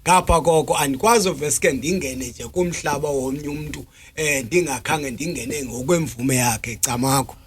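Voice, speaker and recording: A South African man speaks with a Xhosa accent in a fairly high-pitched voice. He explains as a guest in an interview, deliberate and often pausing on hesitation sounds. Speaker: traditional healer interview guest.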